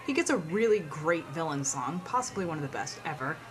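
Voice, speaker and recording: A woman's voice: deep voice, sing-song, a little fast, over music, poor audio. A woman presenting a scripted film countdown in a wry, conversational manner.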